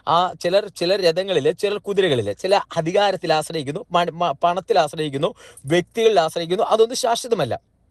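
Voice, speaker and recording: A man's voice: sits high, moderate pace, no room sound, studio quality. A man giving a devotional morning sermon, repeating and restating his phrases with small slips and corrections. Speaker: preacher.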